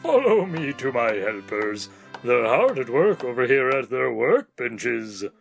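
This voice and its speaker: A man's voice: mid-range voice, big pitch swings, unhurried, creaky, soft background music. A man playing a kindly, absent-minded old Santa in an audio play, jolly and folksy in manner.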